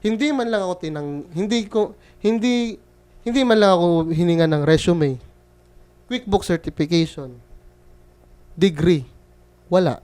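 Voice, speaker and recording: A man's voice: sits high, unhurried, long pauses, a little mellow. A young man from the Philippines, a freelance bookkeeper telling a story in a casual, joking vlog style. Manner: chatty, joking storyteller who quotes others.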